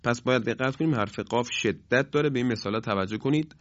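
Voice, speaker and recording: A man of middle pitch gives a careful pronunciation lesson. He explains slowly and steadily, then voices each example sound with force. The recording is dry and a little muffled. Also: no echo. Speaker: teacher of Quranic pronunciation. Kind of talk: instructional explanation with demonstrations.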